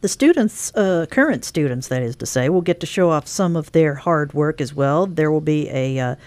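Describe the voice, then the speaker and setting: Lady radio host, lowish voice, brisk and promo-sounding, reading off events. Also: expressive, a little mellow. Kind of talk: scripted-sounding radio interview.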